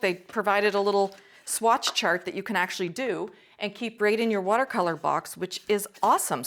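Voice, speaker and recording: A woman hosting an art channel, a teacher reviewing watercolors in a casual vlog, full of excited exclamations. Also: medium pitch. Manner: enthusiastic, gushing exclamations.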